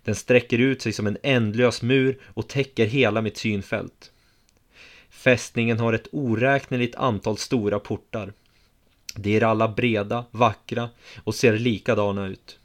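A man reading a first-person story aloud in a steady, measured way. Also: lowish voice.

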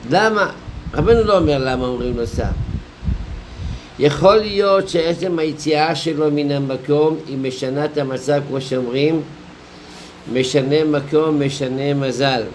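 A male rabbi gives a Torah lecture in a somewhat high voice, explaining patiently, posing rhetorical questions and telling small stories. His phrasing is deliberate, with pauses and key phrases drawn out slowly. The recording is low quality, with faint noise underneath.

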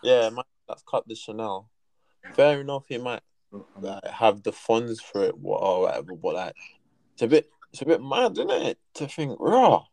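A man's voice: medium pitch, very animated, moderate pace, gravelly, darkish tone, no room sound, low-quality recording. A young man with a London roadman accent and street slang, casually talking things over in a group.

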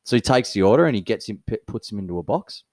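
A lively Australian man co-hosting a casual podcast, telling a story with plenty of laughter. His voice sits on the low side but jumps around a lot in pitch. The recording is dry and close, with no room sound. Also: fast talker, no echo. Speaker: podcast co-host. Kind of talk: casual chat.

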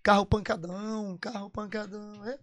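A man's voice: high voice, little pitch movement, normal speed. A man from Parintins, telling his story as a guest musician in a casual, emphatic way, repeating phrases for weight. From Parintins, Amazonas, Brazil.

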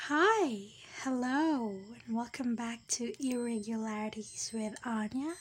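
Young woman rambling on her own podcast, kinda high voice, slow and drifty, drops to whispers sometimes. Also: husky. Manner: rambling, self-deprecating, drifting between whispers and louder bursts. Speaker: podcast host. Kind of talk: casual solo podcast chat.

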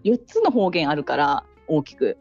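A woman with a Hakata dialect explains things in an animated way, her pitch swinging widely as she talks. The recording sounds slightly dull and lo-fi, and faint music plays behind her. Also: moderate pace, breathy edge. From Fukuoka city. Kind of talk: casual chat.

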